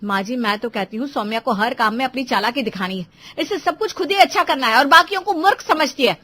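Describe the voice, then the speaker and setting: A woman voicing a sharp-tongued, jealous young sister-in-law in a cartoon, always taunting. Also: high voice, animated, quick pace, full character voice. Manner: taunting and accusing. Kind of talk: cartoon voice acting.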